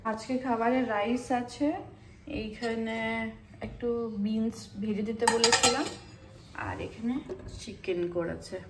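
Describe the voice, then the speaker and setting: A woman's voice: on the high side, a little slow, noisy background. A woman and mother vlogging in casual chat, talking straight to her viewers.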